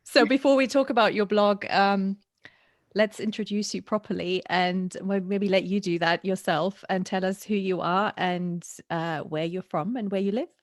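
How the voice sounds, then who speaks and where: A woman's voice: mid-range voice, fairly even intonation, moderate pace, no room sound. Dry-sounding podcast host woman. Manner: enthusiastic, laughs often, restarts phrases. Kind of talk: podcast interview.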